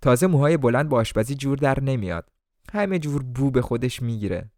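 A man voicing a tired, blunt waitress who talks in a weary, sharp-tongued way. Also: mid-range voice, lively intonation, dry recording, clean studio sound, voice pushed up, lightly acted.

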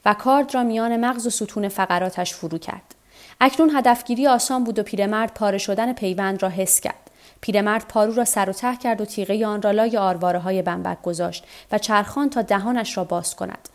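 A woman narrating a novel for a nightly story podcast in a calm, measured reading. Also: medium pitch. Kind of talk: scripted narration of a translated novel.

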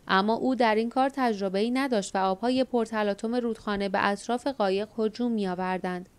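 A woman narrating an audiobook in a measured, steady reading. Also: mid-range voice, clean tone. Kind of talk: scripted narration.

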